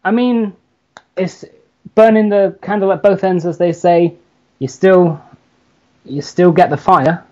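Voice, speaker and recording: A young man from London with a London accent, a comics writer chatting as a guest, hesitant and laid-back with many pauses. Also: high voice, fairly even intonation, mellow, muffled recording. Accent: London English. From London, England. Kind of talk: casual chat.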